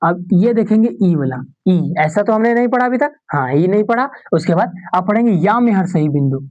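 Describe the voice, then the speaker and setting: A woman teacher leads an exam-prep grammar lesson in a mid-pitched voice, saying each example word again and again. She asks questions and then answers them herself. The recording sounds dull and lo-fi. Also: lively intonation. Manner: repeats example words slowly, asks and answers own questions.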